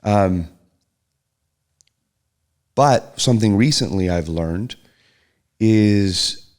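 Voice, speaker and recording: A middle-aged man, the host's partner, appears as a guest on a casual podcast. His voice sits on the low side and he speaks very slowly. He reflects softly and hesitantly, often restarting sentences or letting them trail off.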